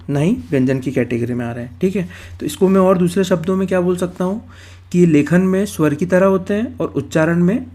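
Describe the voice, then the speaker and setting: High-pitched and warm, this man lectures on Hindi grammar for exam preparation. Working through the material step by step, he keeps repeating key terms and answers the questions he puts to himself.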